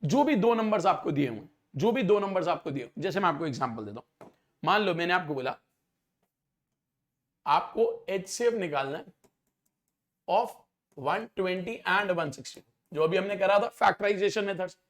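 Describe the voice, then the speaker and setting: Male maths teacher, high-pitched, methodical exam-prep delivery. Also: expressive, moderate pace, long pauses. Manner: explains step by step, often checks if students follow.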